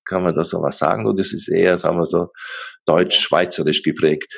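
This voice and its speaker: A man's voice: sits low, steady tone, brisk, vocal fry, a bit bright, slightly rough. A middle-aged man hosting an interview podcast, talking hesitantly with many fillers and restarts. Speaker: podcast host.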